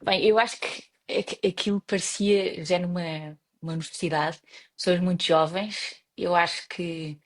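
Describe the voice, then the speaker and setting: Soft-pitched Portuguese woman, hesitant. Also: steady tone, moderate pace. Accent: European Portuguese. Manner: hesitant, many restarts and fillers. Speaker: guest. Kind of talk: casual interview conversation.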